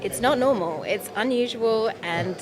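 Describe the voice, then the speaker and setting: A woman's voice: on the high side, measured pace. Upbeat woman, crowd chatter behind. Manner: enthusiastic, upbeat. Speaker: conference organizer. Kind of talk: casual conference chat. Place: conference venue.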